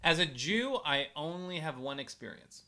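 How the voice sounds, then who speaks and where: A man in a casual podcast chat, throwing in quick joking asides. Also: a little high, expressive, a loud crowd.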